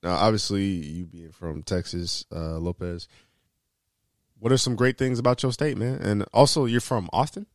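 A deep-voiced man hosts a casual conversation in a very dry recording. He rambles in loose slang and swears freely. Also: normal speed, dry recording. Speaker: podcast host. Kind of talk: casual chat.

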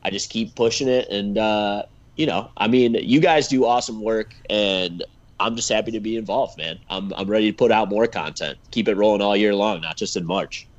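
A man's voice: fairly low pitch, moderate pace, no echo. A man chatting casually as a podcast guest, with a self-deprecating manner. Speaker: podcast guest, new member. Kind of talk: casual chat. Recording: dry, slightly dull lo-fi audio.

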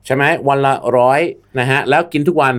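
A man's voice: medium pitch, level tone, fairly quick, a bit bright. A man with a Thai accent co-hosting a casual English lesson chat, playful and jokey, dropping English words into his talk. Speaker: co-host teaching English.

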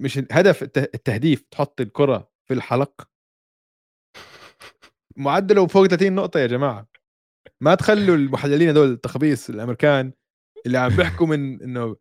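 Here a slightly mellow, medium-pitched man with a Levantine Arabic accent co-hosts casual basketball talk on a sports show. The studio-quality audio has no room sound, and he speaks emphatically, dropping in English terms and slang.

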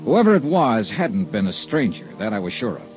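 A man's voice: on the low side, big pitch swings, moderate pace, a little mellow, faint music behind. An actor playing a blunt, world-weary male insurance investigator in an old radio drama, narrating in clipped, sardonic tones. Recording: dull lo-fi old radio broadcast.

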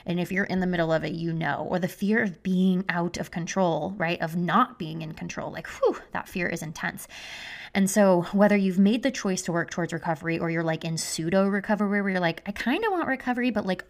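Woman host, low and gravelly, gushy chat, muffled under a blanket at home. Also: fairly quick. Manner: upbeat and gushing, with many "like" fillers. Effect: muffled, recorded under a blanket. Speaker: podcast host and health coach. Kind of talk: casual solo podcast monologue. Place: living room at home. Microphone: podcast mic under a blanket.

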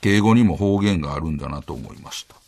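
A man's voice: low voice, animated, gravelly, a little mellow. A man with a Kansai accent, co-hosting a podcast, chatting casually and reading out listener letters. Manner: reads listener letters, quick banter. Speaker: podcast co-host. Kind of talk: casual chat.

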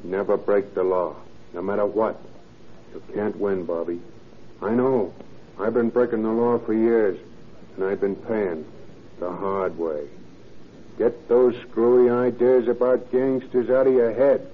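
A rough but earnest convict father, played by a man in a 1930s radio play, full of remorse. His voice is low and his talk slangy and urging. The old recording is muffled with faint noise. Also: steady tone, unhurried, lightly acted. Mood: earnest warning.

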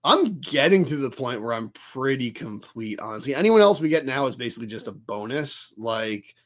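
A man's voice: mid-range voice, very animated, moderate pace, a bit bright. A man co-hosting a fan podcast, talking casually and animatedly, rambling and swearing now and then. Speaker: podcast co-host. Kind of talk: casual chat.

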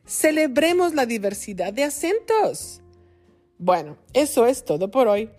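A Mexican woman hosts a podcast for Spanish learners, enunciating each word with deliberate care. She talks very slowly, and her pitch rises and falls in a lively, animated way. Faint music plays softly behind her voice. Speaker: podcast host and Spanish teacher. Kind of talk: slow, clear teaching podcast for learners.

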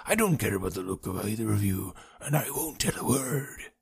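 Man putting on a wheezing old sailor, gravelly and stubborn. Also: fairly low pitch, animated, full character voice. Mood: petulant. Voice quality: gravelly, breathy, slow. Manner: petulant, obstinate, halting. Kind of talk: audiobook character reading.

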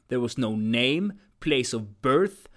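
A man's voice: medium pitch, expressive, slow pace. A man playing a firm agency commander. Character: stern male time-travel agency commander. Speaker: actor in an audio drama. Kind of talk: audio drama acting.

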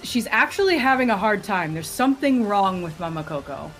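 A woman narrating as game master of a tabletop game, describing scenes in a lively, vivid way. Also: mid-range voice, brisk, faint music behind, poor audio.

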